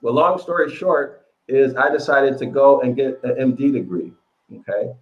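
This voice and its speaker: An American man, an author appearing as an interview guest, tells his story over an online call in a medium-pitched voice at a moderate pace. The recording is muffled, and his casual storytelling rambles with lots of fillers.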